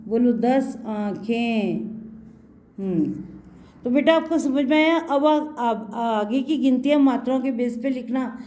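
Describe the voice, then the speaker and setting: A woman's voice: sits high, normal speed, dark tone. A woman teaching Hindi to young children, patiently repeating words for them to echo and mixing in English words.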